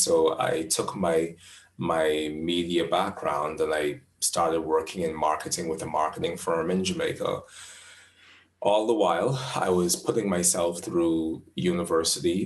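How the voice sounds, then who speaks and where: Deep gravelly Bahamian man in his twenties. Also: echoey room. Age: 20s. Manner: thoughtful, measured, restarts phrases. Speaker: astrologer interviewee. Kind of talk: conversational interview answers.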